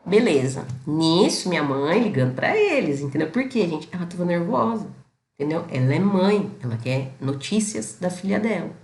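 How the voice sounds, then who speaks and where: A woman's voice: on the low side, big pitch swings, normal speed, a little mellow, roomy sound. A Brazilian woman hosting her channel, telling a story in casual talk to her viewers and often checking in with them. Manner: chatty storytelling, constant tag questions to the audience. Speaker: self-knowledge channel host.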